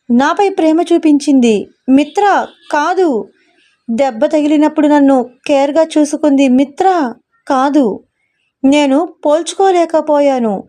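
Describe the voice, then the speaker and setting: A woman's voice: high-pitched, dark tone. A woman voicing a remorseful young man who reproaches himself and explains earnestly in a storybook reading. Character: remorseful young husband, regretful lover.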